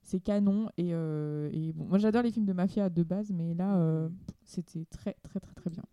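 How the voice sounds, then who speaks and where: A woman's voice: fairly low pitch, normal speed, mellow, smooth, no room sound, studio quality. A young woman co-hosting a podcast, enthusiastic but hesitant, with many fillers. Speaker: podcast co-host. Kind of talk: casual chat.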